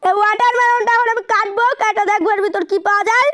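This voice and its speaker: A woman narrates her horror game run with a very high, shrill voice. She taunts and shouts at the game's villains as she plays. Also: fairly even intonation, rapid-fire. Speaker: gaming channel host. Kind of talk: excited horror game commentary.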